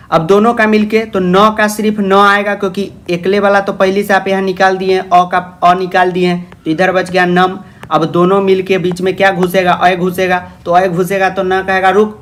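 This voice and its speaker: A man teaching a grammar lesson, coaxing his students along, calling them "babu" and posing their questions himself before answering. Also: high voice. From India. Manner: coaxing, calls listeners "babu". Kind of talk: classroom-style grammar lesson.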